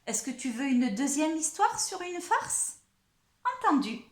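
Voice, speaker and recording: A woman's voice: high-pitched, very animated, measured pace, reverberant. A woman reading a picture book aloud to children in a playful, teasing way, speaking straight to the listening child. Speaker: children's storyteller.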